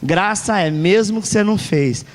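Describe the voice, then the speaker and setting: A man's voice: high voice, moderate pace. A male pastor with a Brazilian Portuguese accent preaching a sermon, emphatic and repeating key phrases. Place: church hall. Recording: long church hall reverb.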